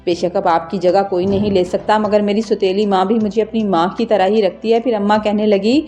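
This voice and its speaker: A woman's voice: medium pitch, fairly even intonation, mellow, soft background music. A woman narrating an emotional first-person story in an earnest, scripted way.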